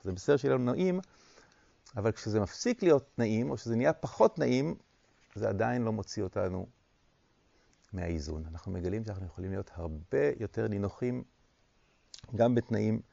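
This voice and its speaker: A man giving a reflective dharma talk as a meditation teacher, speaking in short phrases with pauses and repetitions. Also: lowish voice, vocal fry, a little mellow, no room sound, muffled recording.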